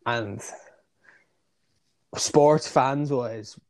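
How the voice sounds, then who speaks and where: An Irish man co-hosting a casual podcast chat, thinking out loud and swearing now and then. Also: mid-range voice, very slow. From Ireland. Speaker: podcast co-host. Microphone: remote call mic.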